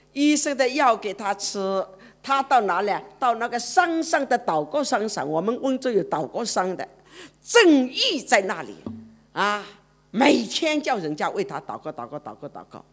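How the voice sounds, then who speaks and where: A woman preacher, telling a story in a sermon and swinging from loud exclamations to hushed murmurs. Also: fairly high pitch.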